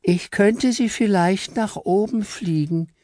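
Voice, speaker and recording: A man's voice: high voice, mellow, dry recording, clean studio sound, pitched above the performer's own voice. Man doing a small shy chocolate angel girl. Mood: hesitant. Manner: hesitant, slow and shy.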